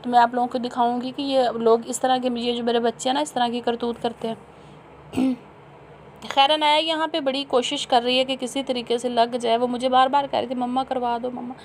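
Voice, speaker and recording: A woman's voice: on the high side, little pitch movement, moderate pace, a little hiss or hum. A woman in her thirties from Pakistan, a mother narrating a family vlog in a chatty voice-over, amused and teasing, often breaking into laughter.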